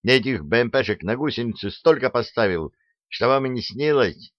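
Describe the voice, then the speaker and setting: A man voicing a frantic army engineer captain who yells and rattles off his words, on a dull, dry, lo-fi recording. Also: medium pitch, expressive, no room sound, lightly acted. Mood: yelling. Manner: yelling, rattling fast.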